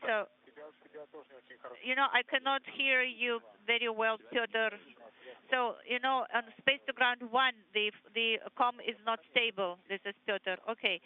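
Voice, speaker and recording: A man's voice: very high voice, smooth. A man relaying clipped procedural calls over a crackly space-to-ground radio link. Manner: clipped procedural call-and-response. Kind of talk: mission control radio exchange. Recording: narrow tinny radio line.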